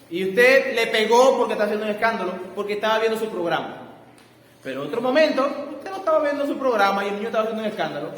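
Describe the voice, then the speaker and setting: A man preaching a sermon as pastor in an animated way, recorded in a church. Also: high-pitched. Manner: animated preaching, acting out short quoted exchanges. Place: church sanctuary. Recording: echoey church hall, faint background noise.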